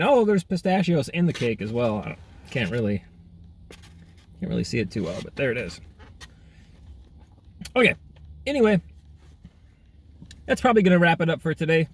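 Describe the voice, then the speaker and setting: A man's voice: fairly high pitch, dry recording. A man casually reviewing food for a vlog, chatty and exclaiming as he eats outdoors. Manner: chatty, eating while talking, frequent exclamations. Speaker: food vlogger. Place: outdoors in half sun, half shade.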